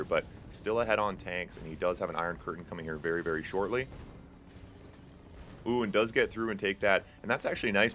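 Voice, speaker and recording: In a low, slightly bright voice with some hiss or hum behind it, a young tournament host gives live play-by-play on a strategy game. He keeps it loose and talkative, packing in fillers and joking with chat along the way.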